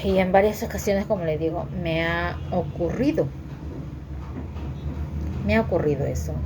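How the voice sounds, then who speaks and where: A woman telling a personal story to her viewers in a halting way, repeating words and using many fillers. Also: fairly low pitch, noisy background. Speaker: vlogger sharing her story.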